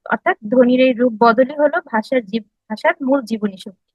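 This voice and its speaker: A woman giving a classroom lecture, explaining step by step, asking her listeners questions and pausing often with filler sounds. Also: a little high, no room sound, low-quality recording. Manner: explanatory, frequent filler sounds and restarts, asks the audience questions. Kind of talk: classroom lecture on language history.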